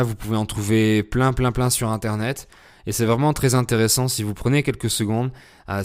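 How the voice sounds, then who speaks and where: A man hosting a podcast lesson for French learners, explaining slowly and deliberately with frequent fillers. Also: fairly low pitch, smooth. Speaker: French teacher podcast host.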